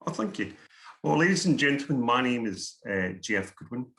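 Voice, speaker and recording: A middle-aged Scottish man with a Scottish accent presents an online workshop as a guest speaker over video call, speaking earnestly and often repeating himself. His medium-pitched voice is sing-song and sharp, at a moderate pace.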